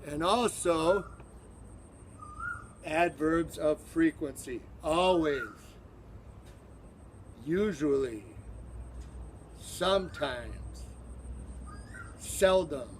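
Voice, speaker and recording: A man's voice: a little high, a little hiss or hum. A man teaching English to a class, drilling words over and over and exaggerating sounds to model the pronunciation. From from abroad, teaching in Thailand. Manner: slow, repetitive drilling of words.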